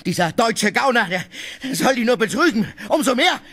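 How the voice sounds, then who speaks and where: Husky, sneering bully in a radio play, lively delivery, music underneath. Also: male voice, medium pitch, moderate pace. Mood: shouting. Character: coarse, bullying middle-aged male swindler.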